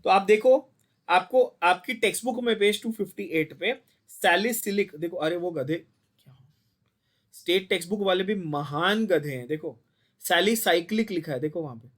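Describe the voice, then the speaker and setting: High-voiced Indian chemistry teacher quizzing students. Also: male voice, moderate pace. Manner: mixes Hindi and English, quizzes students constantly, blunt and scolding. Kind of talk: online class lecture.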